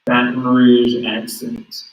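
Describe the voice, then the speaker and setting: A man's voice: mid-range voice, monotone, takes it slowly. Easygoing man, roomy distant sound. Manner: easygoing, encouraging, frequent ums. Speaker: youth group host. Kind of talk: casual livestream chat. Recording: roomy room, mic at a distance.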